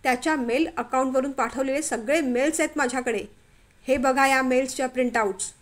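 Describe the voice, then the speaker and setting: A woman voicing an angry middle-aged male office boss who shouts stern accusations. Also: high voice, brisk, lightly acted. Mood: furious.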